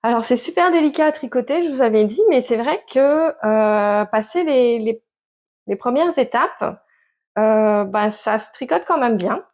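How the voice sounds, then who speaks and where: In an unhurried, animated way, a knitting vlogger chats to camera about her work in a slightly high, somewhat mellow voice. It's a casual show-and-tell, hesitant and full of fillers and restarts.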